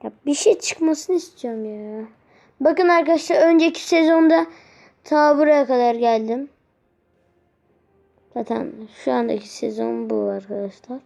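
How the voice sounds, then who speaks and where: A woman giving live gameplay commentary, grumbling and repeating words in quick bursts as she plays. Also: high-pitched, vocal fry, dark tone. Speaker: gaming video host.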